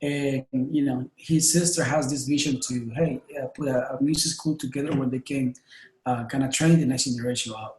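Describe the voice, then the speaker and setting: A man in his thirties with a Honduran Spanish accent, talking as a podcast guest. He is friendly and a little hesitant, with many fillers, at a middle pitch. His voice carries the echo of a roomy space. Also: fairly even intonation, normal speed. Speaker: guest, music school director. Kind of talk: casual interview. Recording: echoey room.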